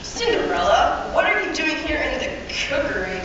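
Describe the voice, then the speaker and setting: A woman's voice: high voice, big pitch swings, normal speed. A woman playing a pompous, exasperated prince and henpecked husband in a stage fairy-tale comedy. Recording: distant muffled hall, heavy echo, noisy.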